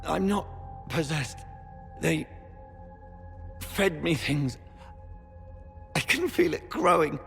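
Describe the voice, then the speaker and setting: An actor playing a tortured, dying male knight who speaks weakly and haltingly, in pain. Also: on the high side, expressive, gravelly, fairly bright tone, big-room sound, soft background music, full character voice. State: weak, in pain. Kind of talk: video game voice acting.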